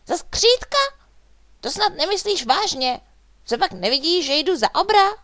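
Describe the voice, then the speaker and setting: A woman voicing a small, angry male dwarf in a storybook, who talks in an indignant shout. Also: extremely high pitch, very animated, voice pushed up, exaggerated voice.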